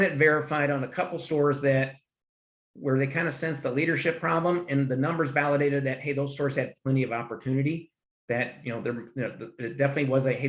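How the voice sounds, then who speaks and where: A man's voice: mid-range voice, a bit bright. A man who is a guest on a business podcast, talking enthusiastically and rambling with restarts. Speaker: guest, finance consultant. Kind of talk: conversational interview. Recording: roomy echo.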